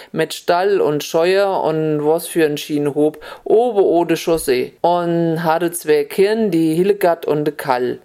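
A storyteller reading a tale in Upper Hessian dialect, drawing out key words slowly. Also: medium pitch, warm tone.

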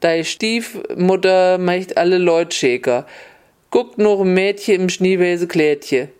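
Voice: mid-range voice, takes it slowly, a little mellow, clear, resonant tone, pitched above the performer's own voice, close to an everyday voice. Storyteller as a stern official woman, scolding, plain everyday voice.

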